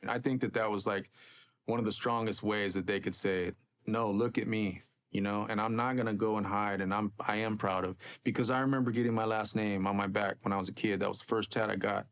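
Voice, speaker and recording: A man's voice: lowish voice, steady tone, a little fast, fairly bright tone. A man in a casual interview, speaking earnestly and dropping street slang.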